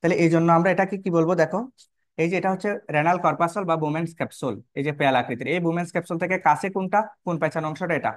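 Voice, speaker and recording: A man's voice: a little high, racing, no room sound, studio quality. A man teaching a biology lesson while drawing, repeating key terms and often asking his students questions. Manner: repetitive, checks in with "কেমন?" and rhetorical questions.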